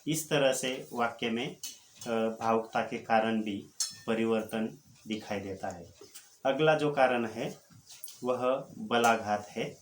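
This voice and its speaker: A man giving a college Hindi lecture, explaining step by step in a deliberate way, with frequent pauses and fillers. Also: mid-range voice. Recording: echoey room with faint noise.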